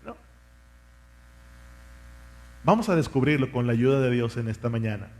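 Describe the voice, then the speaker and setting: A man's voice: mid-range voice, expressive, moderate pace, darkish tone. A man, a pastor, preaching a sermon with fervent rhetorical questions and asking his congregation to repeat words after him.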